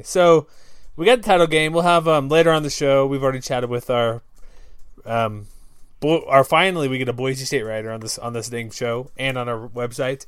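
A man's voice: medium pitch, clear, resonant tone, no echo, clean studio sound. A man hosting a casual sports podcast, upbeat and joking, laughing often. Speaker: podcast host.

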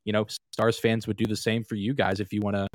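A man with a lowish voice chats casually as a podcast guest. He rambles and laughs easily. The sound is dry and close to the mic. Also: level tone, quick pace, no room sound. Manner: rambling, laughs often, many fillers.

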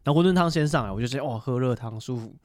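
A young man, co-hosting a podcast and telling an animated story in casual chat. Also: very fast, no room sound. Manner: animated storytelling, mimics voices with sharp pitch jumps. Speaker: podcast co-host.

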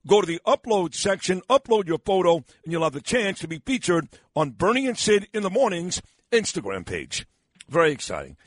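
A male talk radio host with a fairly high, swinging pitch. He banters bluntly and teasingly with callers and reads ads casually. The studio sound is close and dry. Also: sing-song, brisk, no echo. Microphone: close studio microphone.

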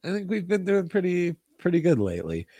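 A man's voice: sits high, wildly swooping pitch, a little fast, mellow, no room sound. A man co-hosting a sports show in casual, wry chat, often repeating phrases for emphasis. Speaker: sports podcast co-host.

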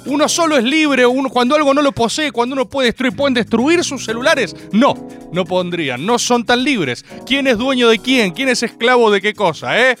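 A young adult man with a Rioplatense Spanish accent hosts a comedic radio show, delivering an animated, joking monologue that rants with plenty of swearing. His voice is extremely high-pitched at a normal speed, with faint music in the background.

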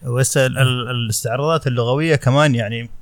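A middle-aged man with a Saudi accent, a novelist guest, speaking in a casual discussion and often pausing and searching for words. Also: mid-range voice, fairly even intonation, no echo. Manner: halting, searching for words with many fillers.

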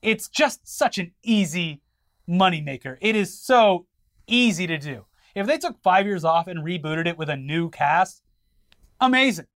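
A man's voice: high voice, animated, a little slow, a bit bright. A man co-hosting a podcast, chatting casually and wryly while he covers the news. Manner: wry, opinionated, covers the news. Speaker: podcast co-host. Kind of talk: casual chat.

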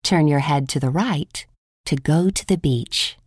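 A woman guiding a relaxation meditation with slow, calm, soothing instructions. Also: deep voice, slightly rough, no echo, clean studio sound. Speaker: meditation guide. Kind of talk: scripted guided meditation.

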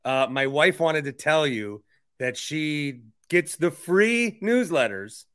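An American man hosting a podcast interview, chatting casually about sports and politics in a rambling way with animated asides. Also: fairly high pitch, slow pace, clean tone. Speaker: podcast host interviewing a guest.

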